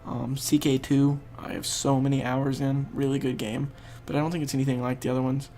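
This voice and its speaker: Stuffed up and losing his voice, a young man provides casual commentary while playing and explaining a strategy game for his gaming video. He speaks fairly quickly at a medium pitch with little pitch movement and a dark tone. Faint music sits underneath.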